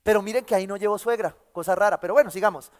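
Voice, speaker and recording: High-voiced Colombian pastor preaching. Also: male voice. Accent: Colombian Spanish. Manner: asks "¿sí?" after nearly every phrase; emphatic, slows and stresses key words. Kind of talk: sermon. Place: church hall. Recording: church hall reverb.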